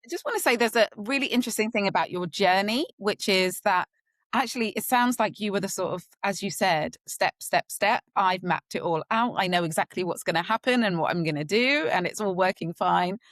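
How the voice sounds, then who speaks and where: A woman's voice: medium pitch, a little fast, no echo. A woman hosting a podcast interview, rambling a little with many fillers. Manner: warm, rambling, frequent fillers. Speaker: podcast host.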